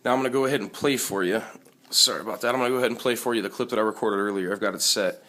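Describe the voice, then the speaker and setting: Bright, forceful low-voiced man giving commentary. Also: racing. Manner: indignant, emphatic. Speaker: video commentator. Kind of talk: opinionated political commentary.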